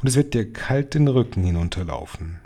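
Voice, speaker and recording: A man's voice: fairly low pitch, expressive, fairly quick, dark tone. A man voicing a stern, knowing old grandmother who gives grave, matter-of-fact warnings in a storybook.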